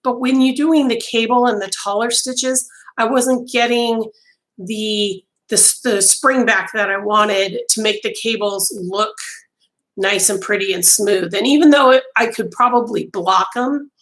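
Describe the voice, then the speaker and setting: The recording is low quality as a middle-aged woman, losing her voice, talks casually to live viewers by webcam from a small home craft room. Chatty and gesturing, she restarts often and says um a lot, in a fairly high, steady, unhurried, slightly bright voice.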